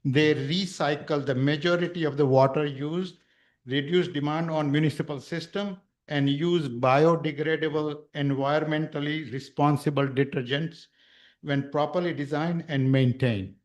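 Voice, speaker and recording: A man's voice: fairly high pitch, fairly even intonation, moderate pace. Man formally reading prepared remarks. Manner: formal, with occasional stumbles. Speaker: public speaker at a council meeting. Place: township council meeting room.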